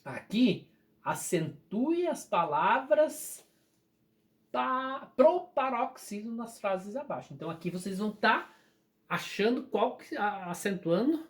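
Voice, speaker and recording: The speaker is a teacher with a Brazilian Portuguese accent giving a patient explanation in a recorded grammar lesson, slowly elongating key words. The pitch is medium and the delivery sing-song.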